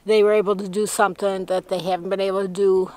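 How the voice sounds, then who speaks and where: A middle-aged woman chatting casually as a travel vlogger outdoors, talking conversationally with small pauses and restarts. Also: mid-range voice, little pitch movement. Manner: warm, conversational, a little halting. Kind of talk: casual chat. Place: outdoors on a sunny open sand flat. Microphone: selfie camera at arm's length.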